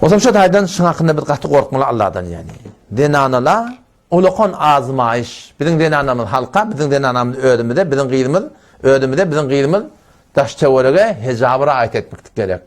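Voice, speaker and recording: A man's voice: mid-range voice, very animated, a little fast. A male Islamic preacher giving a live lecture on family matters, exhorting his listeners emphatically, repeating phrases for stress and quoting Arabic scripture.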